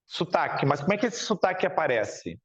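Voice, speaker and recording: Speaking a little fast in a slightly high voice with big pitch swings, this Porto Alegre lecturer quizzes his class in a southern Brazilian accent. He's chatty and keeps tacking tag questions onto his phrases, and the recording's highs are cut off.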